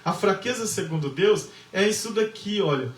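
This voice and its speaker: A man's voice: high-pitched, lively intonation, moderate pace. A man preaching and lecturing, telling a story with emphatic repetition and acted-out dialogue. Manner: emphatic storyteller, repeats phrases, acts out dialogue. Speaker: pastor and lecturer. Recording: echoey room, voice from far off.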